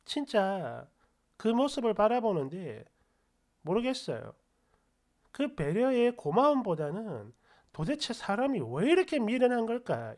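A woman's voice: fairly high pitch, a little mellow. A woman narrating a first-person story in a confiding, frustrated tone.

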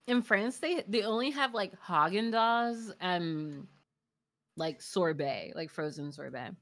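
A woman guest chatting casually while gaming, giggly and quick to apologize. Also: fairly low pitch, fairly bright tone. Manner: apologetic, giggly, slow-paced. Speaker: streamer guest.

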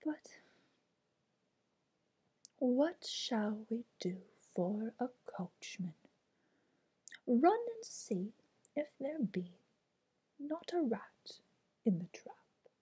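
A kind, motherly fairy godmother from a storybook whispers her instructions slowly, as a woman puts her on. The voice is breathy and mellow, never rising above a hush. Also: fairly high pitch, sing-song, exaggerated voice. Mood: gentle. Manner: whispered, gentle and coaxing.

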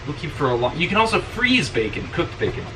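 A man's voice: on the high side, very animated, fast. A young man in his twenties who works for a church, casually vlogging, chatty and rambling with lots of fillers. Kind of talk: casual vlog. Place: car, then home kitchen. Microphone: camera on dashboard, then camera on kitchen counter. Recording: distant camera mic with loud road noise.

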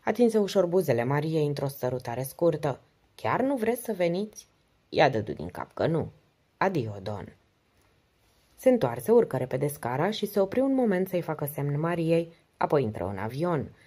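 A woman narrating an audiobook in a steady, measured way. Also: deep voice, breathy edge.

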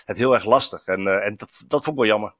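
A man's voice: lowish voice, fast talker, a bit bright, dry recording, clean studio sound. A man, a football journalist reporting from abroad, chatting reflectively with many fillers and restarts. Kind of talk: casual chat. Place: in Stuttgart, on location.

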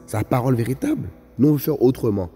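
Faint music and long reverb surround this fast-talking preacher, whose mid-range voice is mellow with a breathy edge. He delivers his sermon emphatically, repeatedly addressing his brothers and sisters with "vous voyez, frères et sœurs."

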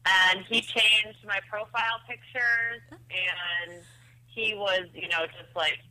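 A woman's voice: mid-range voice, fairly even intonation, takes it slowly, bright, forceful tone. A woman calling in by phone, telling a story casually with lots of fillers and laughs. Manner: laughing, chatty, full of fillers. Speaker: guest on the phone. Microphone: telephone. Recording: thin phone line.

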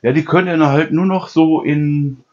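A man's voice: fairly high pitch, fairly even intonation, normal speed, a little mellow. A middle-aged man chatting casually as host of a home cooking channel, rambling from story to story and tagging his sentences with "ne?". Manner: chatty storyteller, constant "ne?" tags, mimics people. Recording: dull lo-fi sound.

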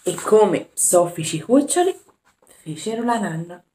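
A woman who works as a nursery school educator, reading a picture book aloud to young children in a gentle storytelling manner. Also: mid-range voice, expressive, measured pace, a little hiss or hum.

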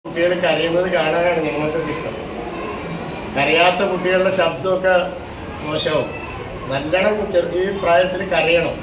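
A man's voice: on the high side, steady tone, normal speed, pauses often, recorded from a distance. A man with a Kerala Malayalam accent gives a conversational, explanatory public speech at a school function. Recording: roomy hall with noise, from afar.

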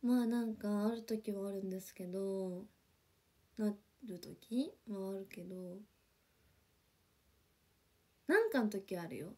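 A woman's voice: mid-range voice, takes it slowly, long pauses, mellow, husky. A young woman chatting casually on a livestream, reading viewer comments and gushing with lots of fillers, sometimes dropping to a whisper. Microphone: phone or webcam for a livestream.

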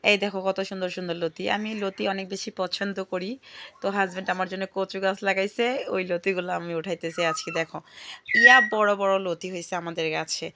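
A chatty woman, recorded outdoors in her home garden on a handheld phone. Her voice is bright and forceful, at an ordinary pitch for a woman. She talks freely, exclaims often, and calls out to her bird. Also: fairly even intonation, fast. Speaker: vlogger. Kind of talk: casual home vlog.

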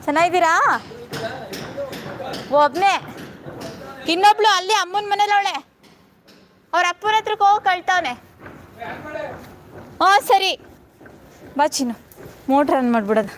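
A woman's voice: very high voice, lively intonation, normal speed, long pauses. A young woman, filming a casual live vlog on a phone while coaxing a fussing toddler in sing-song baby talk. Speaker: mother vlogging live. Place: outdoors at a house under construction. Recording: loud outdoor noise, animals. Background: child crying, animals, work noise.

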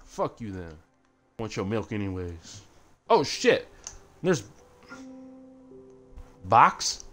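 A man giving crude, joking commentary while playing a game, swearing a lot and breaking into sudden loud yelps between mumbled asides. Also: medium pitch, gravelly. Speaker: gamer streamer. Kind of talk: casual gameplay commentary.

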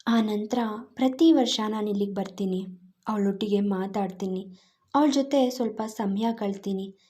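A woman voicing a grieving widowed father in a spoken storybook, with a soft, trembling, subdued voice. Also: medium pitch, measured pace, close to an everyday voice. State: voice trembling with grief.

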